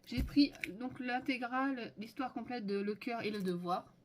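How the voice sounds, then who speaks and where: A Frenchwoman with a fairly high voice chats casually and enthusiastically at a moderate pace, listing her purchases in a manga haul video with plenty of fillers. Background noise can be heard.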